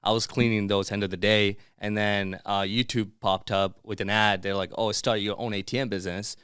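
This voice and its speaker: Speaking fairly quickly with little pitch movement, this man has a fairly low, slightly bright, smooth voice, captured as clean studio sound with no echo. Born in Bangladesh, he grew up in Dubai and Miami. As a podcast guest he keeps it casual and slangy, dropping "bro" and "dude."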